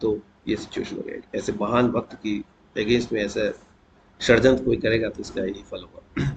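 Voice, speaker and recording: A man giving a conversational devotional talk, telling a saint's story and often clearing his throat. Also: lowish voice, fairly even intonation, normal speed. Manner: conversational, mixes English words into Hindi. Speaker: devotional speaker. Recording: dull lo-fi with faint noise.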